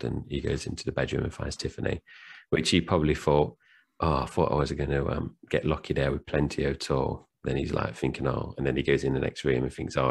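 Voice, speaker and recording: Man, very deep voice, gravelly, chatty film podcast co-host. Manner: chatty, retells film scenes with many fillers. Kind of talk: casual film review chat.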